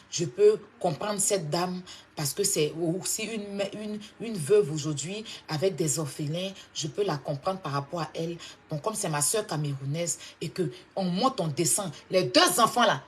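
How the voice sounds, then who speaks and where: A woman from Côte d'Ivoire with an Ivorian French accent, delivering a confrontational, mocking monologue that swings from loud outbursts to low scolding. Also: slight background noise. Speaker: online commentator. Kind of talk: heated clash monologue.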